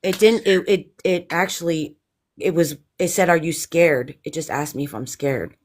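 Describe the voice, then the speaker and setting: A woman's voice: low voice, normal speed. A woman hosting a live paranormal investigation, sounding exhausted and drained, talking anxiously in rambling restarts. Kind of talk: live-stream chat.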